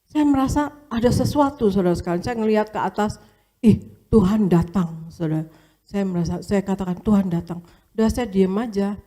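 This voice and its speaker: A woman gives a church testimony in a casual, storytelling way, repeating herself and turning to her listeners again and again. Her voice is mellow and warm, and her pitch sits in the middle. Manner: storytelling, often addressing listeners as brothers and sisters; casual colloquial speech with fillers and repetitions. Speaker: pastor's wife giving a testimony.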